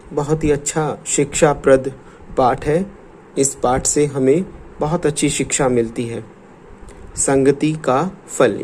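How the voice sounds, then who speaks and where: A man's voice: medium pitch, a little hiss or hum. A man teaching a primary-school class, reading a story aloud and explaining its lesson while speaking directly to the children. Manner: addresses children warmly and directly, measured storytelling.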